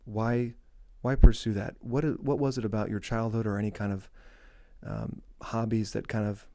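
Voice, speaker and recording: Flat, dark-voiced male interviewer. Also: lowish voice, normal speed, no echo, clean studio sound. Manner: hesitant, restarts questions.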